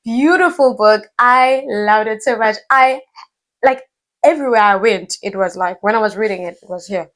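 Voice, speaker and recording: A woman from Africa, reviewing her favorite books in a casual, animated way and repeating words for emphasis. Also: mid-range voice, moderate pace. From South Africa. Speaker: book vlogger.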